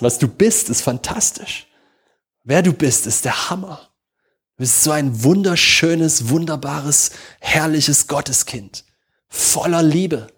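A man's voice: on the high side, slightly rough. A man preaching a sermon, fervent and repetitive, speaking straight to his listeners, often restarting his sentences. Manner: many restarts and self-corrections.

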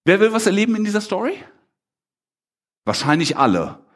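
Male preacher. Slightly husky, very animated delivery. Talks to his congregation conversationally. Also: sits high, moderate pace. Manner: animated, asks the congregation questions, acts out the disciples' lines. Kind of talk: lively conversational sermon.

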